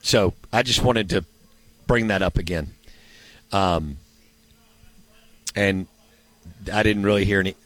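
A man's voice: sits low, slow, long pauses, a bit bright, no echo. A man hosting a sports show, chatting casually and rambling as he thinks aloud and asks himself questions. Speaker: sports radio show host.

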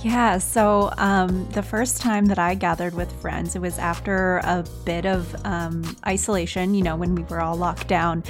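A woman's voice: on the low side, level tone, a little slow, hardly any pauses, faint music behind. A woman editor chatting casually on a news roundup podcast, hesitant with frequent ums and easy laughter. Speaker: newsletter editor.

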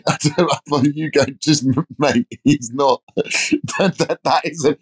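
A man's voice: a little high, slow pace, husky. A young man chatting with his father on a podcast, laughing and swearing casually. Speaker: guest, host's son. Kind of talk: casual chat.

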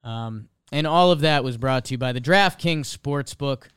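A male host reading scripted ad fine print as a very fast legal disclaimer. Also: on the high side, a bit bright, clean tone, dry recording, studio quality. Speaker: show host.

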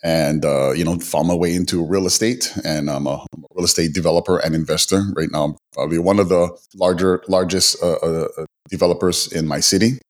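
Hawaiian male guest, low voice, hesitant, reflective storytelling. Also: fairly even intonation. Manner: halting, many fillers and restarts. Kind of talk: interview storytelling.

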